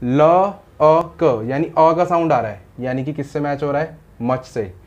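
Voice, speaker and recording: A man's voice: on the high side, unhurried, darkish tone, muffled recording. Patient man teaching shorthand. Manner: explains patiently, often asks "samajh aaya?". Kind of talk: step-by-step lesson.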